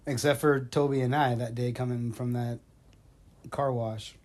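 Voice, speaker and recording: A man's voice: medium pitch, fairly even intonation, moderate pace, background noise. A middle-aged man telling rambling, profane stories to his son in casual chat, recorded on a phone at home. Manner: profane, rambling, laughs often. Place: home in North Georgia. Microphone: iPhone.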